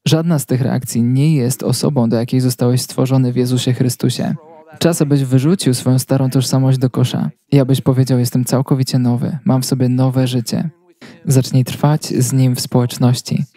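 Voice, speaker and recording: A man reading a translated sermon as a voice-over, telling it as a steady story. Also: medium pitch, normal speed, dry recording.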